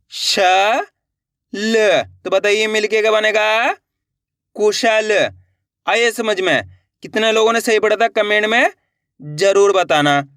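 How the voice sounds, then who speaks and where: A woman's voice: mid-range voice, fairly bright tone, dry recording, studio quality. A woman teaching children's reading, sounding out syllables one at a time and blending them into words, often asking the viewers questions. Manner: addresses viewers as friends, asks questions.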